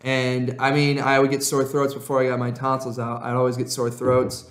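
A man's voice: medium pitch, completely flat delivery, normal speed. A young American man chatting casually as a podcast co-host, in a rambling, slangy way. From Illinois, United States. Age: young adult. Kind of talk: casual chat. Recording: roomy echo.

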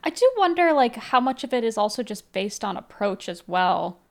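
A woman co-hosting a podcast, calmly explaining her view in casual chat with frequent fillers. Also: on the high side, normal speed. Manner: thoughtful, explaining with many "like"s. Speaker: podcast co-host.

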